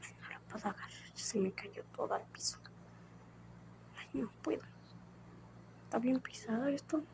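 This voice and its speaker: A woman narrates a doll game at home late at night, keeping her voice hushed and often slipping into a whisper. Her voice sits high and moves at an unhurried, slow pace, with a faint hum behind her. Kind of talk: playing with dolls and narrating. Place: home kitchen play set at night.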